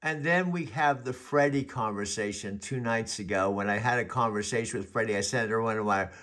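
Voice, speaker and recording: A man's voice: lowish voice, a bit bright. A man in his seventies chatting casually as host, rambling and restarting his sentences often. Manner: rambling, halting with frequent restarts. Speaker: vlog host. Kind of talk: casual chat.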